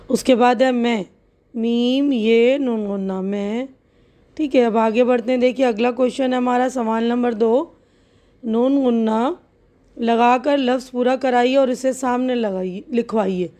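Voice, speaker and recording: Patient woman teacher, mellow. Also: fairly high pitch. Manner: spells letters out slowly and patiently, stretching words. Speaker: Urdu teacher. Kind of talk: slow step-by-step lesson explanation.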